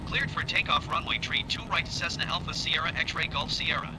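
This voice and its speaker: A man working as a pilot, making quick formal radio calls through a cockpit headset. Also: fairly high pitch, music in the background, low-quality recording. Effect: radio call through a cockpit headset. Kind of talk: clipped radio phraseology. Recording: engine noise in a small plane cockpit.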